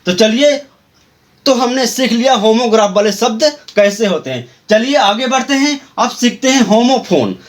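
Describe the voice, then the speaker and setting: A man with a high voice teaches an English grammar lesson at an unhurried pace. He spells words out letter by letter and restates every point in other words. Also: animated. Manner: repeats and rephrases each point. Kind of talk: explanatory video lesson.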